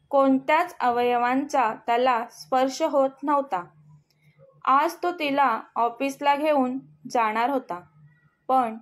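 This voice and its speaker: A woman reading a serialized family story aloud, speaking every character's lines herself. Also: high-pitched. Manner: reads slowly, voicing the family's lines herself. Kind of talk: scripted story narration.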